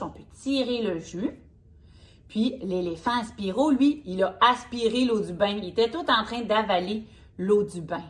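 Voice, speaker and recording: A female speech therapist, reading a picture book aloud to a young child, slowly sounding out words. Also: medium pitch. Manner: slow, exaggerated, sounding out words.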